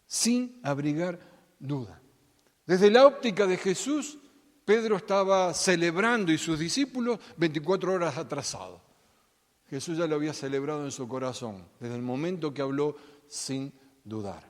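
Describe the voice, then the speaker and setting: Pastor preaching in a reverberant hall. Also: male voice, a little high, animated, normal speed. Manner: dramatic, acts out Bible voices, swings loud and soft. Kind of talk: sermon.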